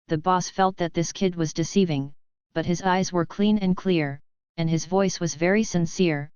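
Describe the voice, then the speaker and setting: Low, crisp woman narrating an audiobook. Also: darkish tone, dry recording, lo-fi sound. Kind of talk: scripted narration.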